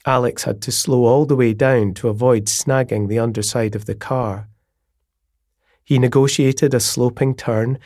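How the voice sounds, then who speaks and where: A man reading a novel aloud in a measured, descriptive storytelling manner. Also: mid-range voice, darkish tone, dry recording, clean studio sound. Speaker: audiobook narrator. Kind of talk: scripted narration of a novel.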